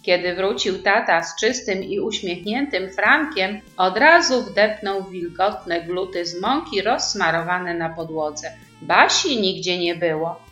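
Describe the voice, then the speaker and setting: A woman narrating a children's story with warm, animated storytelling, in a roomy recording with faint music. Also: fairly low pitch, unhurried, hardly any pauses. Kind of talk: expressive children's story reading.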